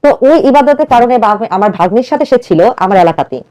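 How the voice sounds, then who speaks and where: Rapid, high-voiced woman telling her story. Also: expressive, mellow. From Bangladesh. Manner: rapid, earnest, acts out quoted dialogue. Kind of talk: emotional personal storytelling.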